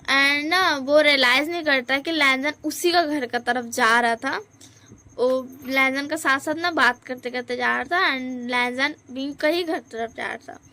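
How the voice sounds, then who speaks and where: A woman's voice: high-pitched, unhurried, sharp tone. A woman casually retelling a fan story with many hesitant fillers.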